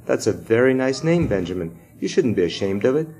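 A man voicing a sweet-talking but quietly cruel woman substitute teacher in a children's story. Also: mid-range voice, sing-song, brisk, pitched above the performer's own voice, natural voice. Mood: sweetly sly. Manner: sweet, gushing, raised voice.

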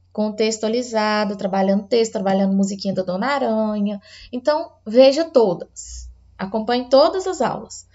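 A woman teacher from Brazil explaining an early reading lesson to parents, patient and explanatory, sometimes slowing down to read words aloud. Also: high voice, darkish tone, muffled recording.

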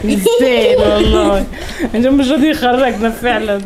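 A young Egyptian woman talking fast and insistently in a casual home vlog. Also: fairly high pitch, music in the background. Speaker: vlogger. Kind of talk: casual staged argument.

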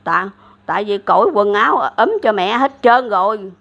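Older woman, Southern Vietnamese accent, gravelly voice, rambling folk storytelling, dull lo-fi sound. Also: mid-range voice, moderate pace, fairly bright tone. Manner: rambling, many fillers and restarts. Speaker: elderly storyteller. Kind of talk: casual religious storytelling. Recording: dull lo-fi recording.

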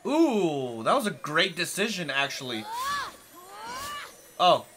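A young man giving casual, playful and excitable commentary while playing a video game. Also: on the high side, slow, noisy background. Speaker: gaming video host. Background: video game music.

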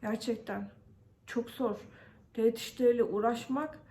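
A woman from Turkey tells her story to the camera in a casual vlog, her voice sitting a little high. She vents her frustration, stopping often on fillers and acting out what others said to her. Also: fairly even intonation, normal speed, mellow, slight background noise. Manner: venting frustration, many fillers, quotes others. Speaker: vlogger.

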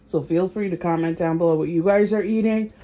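A woman's voice: fairly low pitch, brisk, dark tone. A woman vlogging casually at home as a mom, chatty and rambling, thinking aloud with fillers as she goes. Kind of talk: casual grocery haul chat.

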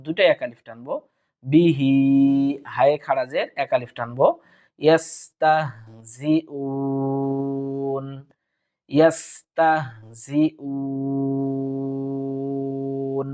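A man with a mid-range, slightly dark voice teaches the rules of Quran recitation in a slow tajweed lesson, splitting words into syllables before chanting the verses in a drawn-out way. His first language is Bengali.

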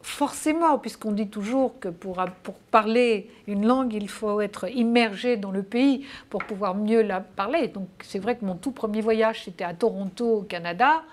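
A woman's voice: medium pitch, normal speed, hardly any pauses. A woman answering interview questions in a casual, hesitant way, with many fillers and restarts. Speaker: interview guest.

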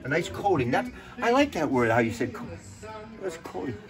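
A man's voice: on the high side, big pitch swings, fairly quick, over music, poor audio. A man hosting a casual cooking show, rambling and joking as he cooks, swearing freely and drifting off into stories. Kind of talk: casual cooking demonstration chat.

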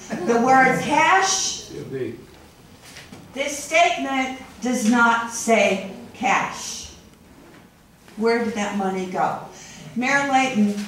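A woman's voice: a little high, slight background noise. A middle-aged woman at public comment in a council meeting, speaking in a confrontational, accusing way. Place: wood-paneled council chamber. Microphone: room mic at a speaker's podium, from a far camera. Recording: very echoey chamber heard from a distance.

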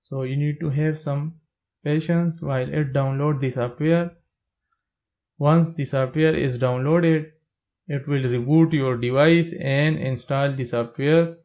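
A man with a slightly raised pitch gives calm, step-by-step instructions in a plain, steady tone. His voice-over is recorded with a dull, lo-fi sound. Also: measured pace. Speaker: tech tutorial narrator. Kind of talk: scripted step-by-step narration.

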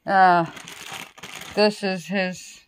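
Speaking very slowly with fairly even intonation, a middle-aged woman in a mid-range voice runs through her grocery haul in short, casual phrases at a table at home. She records the vlog on a handheld phone, and a bit of hiss or hum comes through.

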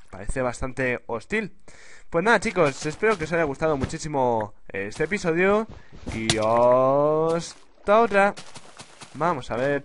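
A man giving casual Let's Play commentary, chatty and quick to exclaim, repeating words when things get tense. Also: mid-range voice, a bit bright. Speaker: gaming YouTuber. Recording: clear background noise with clicks.

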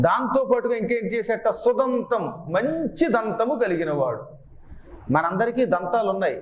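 A man giving a devotional discourse, chanting Sanskrit verses slowly and explaining them line by line, asking listeners to voice sounds. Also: high-pitched, echoey room. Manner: teaches by asking the audience to voice sounds. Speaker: spiritual discourse speaker.

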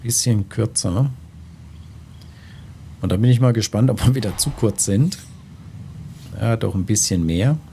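Guy doing chill let's play commentary, mellow voice, kinda thinking out loud, faint game noise behind. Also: lowish voice, a little slow, long pauses. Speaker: gaming host. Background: golf game ambience.

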